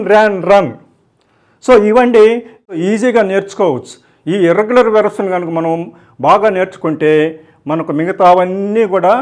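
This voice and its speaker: A man with a Telugu accent leads a grammar lesson in a notably high voice. He recites verb forms in a steady, drill-like rhythm and says each one twice. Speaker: English grammar teacher.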